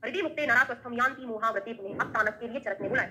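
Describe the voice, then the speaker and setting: A woman's voice: a little high, racing, background noise. A woman teaching a classroom lecture on Ayurveda, reciting Sanskrit verses and quizzing students with frequent tag questions.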